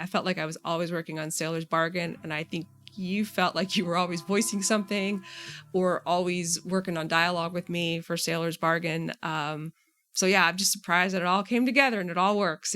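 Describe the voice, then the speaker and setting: With a fairly low yet slightly bright voice, a woman who makes game mods gives easygoing, reflective replies in conversational interview fashion, over a distinctly noisy background.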